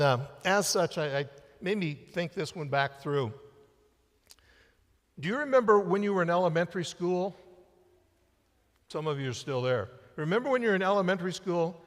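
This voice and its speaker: A middle-aged male pastor delivers a conversational sermon in a sanctuary, his somewhat high voice swelling and then falling to a near hush on the words he wants to land. The live-streamed sound trails off in the long reverb of the church hall. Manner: conversational preaching, rising and dropping to a hush for emphasis. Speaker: senior pastor. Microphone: church sound system mic.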